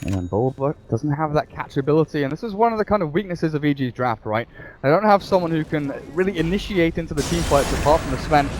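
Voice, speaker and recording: A man giving animated live play-by-play commentary on a video game match as an esports caster. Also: on the high side, quick pace, a little hiss or hum. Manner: animated play-by-play, rising with the action.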